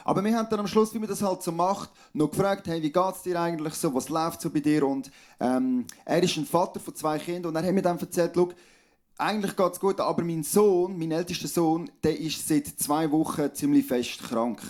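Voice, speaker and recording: Swiss German pastor with a dark, mellow voice. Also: male voice, a little high, a little fast. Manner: conversational storytelling, calm and personal. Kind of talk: sermon.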